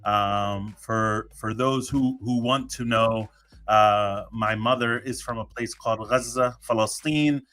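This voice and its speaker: An American man hosts his own solo podcast, chatting casually and cracking jokes with plenty of fillers and restarts. His voice sits on the low side, a bit bright, with a steady tone and a slow pace.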